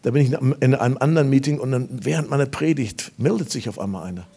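Male preacher, mid-pitched, animated revival sermon delivered to a live congregation. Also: fast, gravelly, breathy edge. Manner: emphatic storytelling with sudden loud bursts. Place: church service before a congregation.

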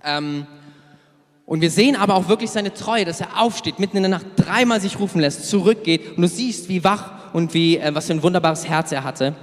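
A man preaching to young people, lively and casual, telling a story and acting out the characters' words. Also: sits high, a little fast, in a large hall. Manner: lively storytelling with acted quotes, casual asides; loses his place, searches notes aloud. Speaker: youth preacher. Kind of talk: sermon.

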